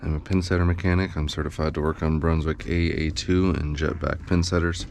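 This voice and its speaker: A man's voice: a bass voice, flat delivery, fairly quick, a little mellow, a little hiss or hum. A man explaining a machine repair in a casual, subdued how-to tutorial, thinking aloud as he works in a bowling alley machine pit. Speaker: pinsetter mechanic.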